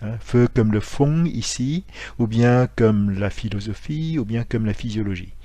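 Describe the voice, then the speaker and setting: A man teaching a lesson, explaining with frequent pauses and self-corrections. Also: lowish voice, mellow, no room sound. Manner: hesitant, many fillers and self-corrections; explanatory, spells out letters and sounds. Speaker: martial arts instructor.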